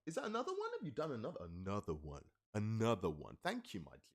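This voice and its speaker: A rapper and streamer with a lowish voice talks quickly on a webcam live stream, his pitch swinging wildly. He eagerly walks through his own lyrics, counting syllables out loud and thanking viewers in the chat.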